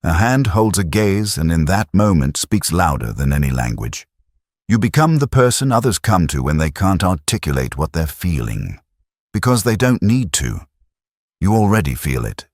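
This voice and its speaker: A man's voice: sits low, big pitch swings, moderate pace, darkish tone, no echo, studio quality. A man giving scripted narration in a solemn, meditative delivery.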